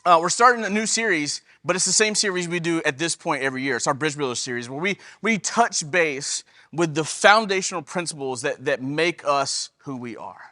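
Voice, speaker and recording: A man's voice: a little high, expressive, fairly quick, few pauses, sharp tone, dry recording, studio quality. A man in his thirties preaching a casual, chatty sermon as pastor, with many fillers and restarts. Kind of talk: conversational sermon.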